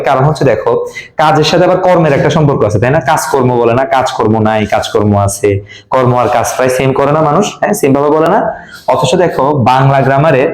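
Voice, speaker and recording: A man with a Bangladeshi Bengali accent teaching an English grammar class, quizzing students and repeating the key words. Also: on the high side. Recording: echoey classroom.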